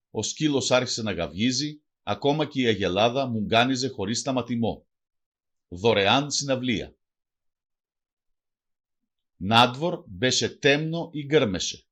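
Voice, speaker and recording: A man's voice: medium pitch, a bit bright. A man with a Greek accent reading a language lesson aloud, saying phrases one by one and then translating each. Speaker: language teacher.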